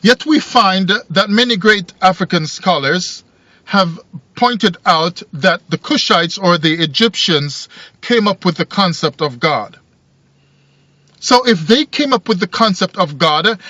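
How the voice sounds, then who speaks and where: Sitting in a parked car, a video commentator in his forties who grew up in Jamaica delivers a casual monologue to camera, thinking aloud and circling back over the same points. He has a high, bright, forceful voice. The recording, from a phone or camera on the dashboard, is dull and lo-fi without echo.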